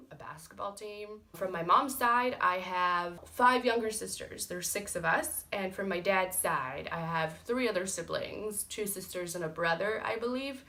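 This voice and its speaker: A woman's voice: fairly low pitch, sharp tone. A young woman from Morocco chatting candidly in a get-to-know-me vlog, frank and talkative. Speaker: vlogger. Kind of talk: casual get-to-know-me chat.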